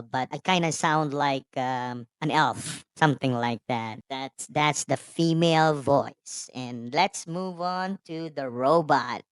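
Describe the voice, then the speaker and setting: A man talking through a voice changer set to a high female voice, testing it while he explains. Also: clean tone, dry recording.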